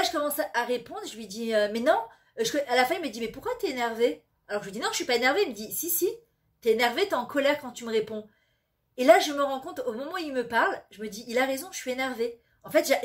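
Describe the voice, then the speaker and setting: A middle-aged woman giving a storytelling talk on parenting and faith, lively and sprinkled with Hebrew words, acting out the people she quotes. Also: high voice.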